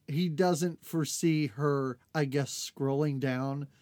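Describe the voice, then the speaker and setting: A woman co-hosting a podcast, recapping an episode in casual chat, animated, laughing often and acting out characters' lines. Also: sits low, takes it slowly, no echo, studio quality. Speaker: podcast co-host.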